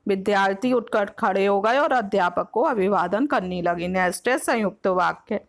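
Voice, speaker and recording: A woman teacher with a Hindi accent from Uttar Pradesh, explaining grammar for an exam-prep lesson, patiently repeating each point and slipping English words into her Hindi. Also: mid-range voice. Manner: mixes English words like next and example into Hindi.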